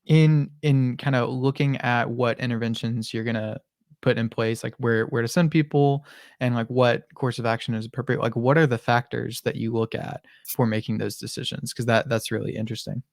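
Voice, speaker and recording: A man's voice: mid-range voice, fairly even intonation, no echo, clean studio sound. A man hosting a podcast interview, asking questions casually with many stops and restarts. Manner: halting, many restarts and repeated words. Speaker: podcast host.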